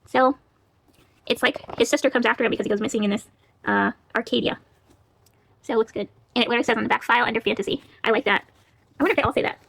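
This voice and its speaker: Her voice on the high side, a bit bright yet gravelly, a book vlogger chats rapid-fire with fairly even intonation, though she leaves long pauses. She talks casually about her library haul, laughing often and reading the back-cover blurbs aloud.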